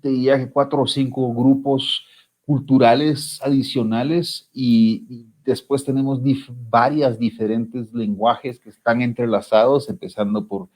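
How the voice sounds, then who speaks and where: A man's voice: medium pitch, steady tone, a little slow, a little mellow. A man hosting an interview, asking long, hesitant questions full of fillers. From Guatemala. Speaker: interviewer host.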